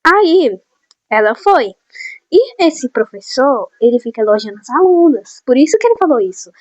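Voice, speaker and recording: A teenage girl telling school gossip to her viewers in a chatty, animated way, on a phone mic in a small room. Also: high voice, normal speed, no echo, dull audio. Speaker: vlogger. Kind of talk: casual gossip storytime. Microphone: phone or headset mic.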